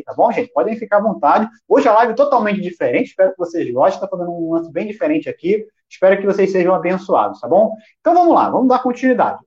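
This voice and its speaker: A man teaches on a live stream, and his pitch swings widely as he talks. He talks straight to the chat and fires questions at himself before answering them. The sound is dull and lo-fi. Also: darkish tone. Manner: talks directly to chat viewers. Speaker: worship music teacher.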